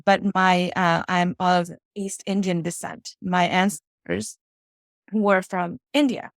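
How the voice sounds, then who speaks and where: Speaking slowly in a fairly even, low-side voice with no echo, a woman from Fiji appears as a guest in a casual interview. The financial strategist tells her story reflectively, often checking in with "right?" and "you know".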